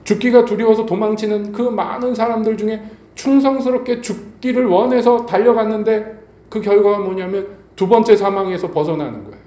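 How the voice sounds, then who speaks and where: Male pastor, middle-aged, warm voice, storytelling sermon in a roomy church hall. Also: high-pitched, a little fast. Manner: storytelling preacher, appeals to the congregation with rhetorical questions. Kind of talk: evening sermon. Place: church sanctuary. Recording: echoey church hall, faint background noise.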